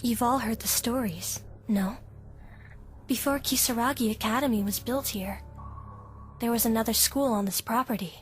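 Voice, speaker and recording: Music sits behind a lightly acted, rather high woman's voice performing a teenage schoolgirl in an anime fandub. She tells a ghost story in a hushed, lingering, menacing manner, theatrical and spooky, while the character herself is easily frightened. The tone throughout is eerie and ominous.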